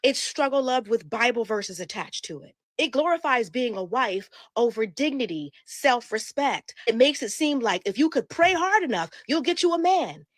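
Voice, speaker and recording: A woman's voice: a little high, lively intonation, moderate pace, few pauses, dry recording. Pointed woman commentator, dry sound. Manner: pointed, emphatic, rhetorical repetition. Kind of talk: opinion commentary monologue.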